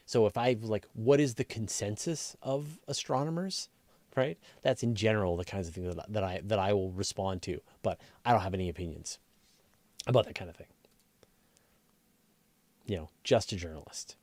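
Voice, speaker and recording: A science journalist hosts a casual live astronomy Q&A, reading questions aloud and answering off the cuff, thinking aloud and rephrasing conversationally. His fairly low, darkish voice moves at normal speed with long pauses, and the recording has no echo.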